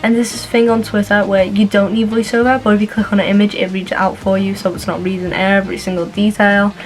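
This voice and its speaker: A woman's voice: medium pitch, little pitch movement, fast talker, low-quality recording. A young woman giving a casual tutorial in an informal, chatty way, with asides. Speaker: vlogger. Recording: music playing behind the voice. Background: background music.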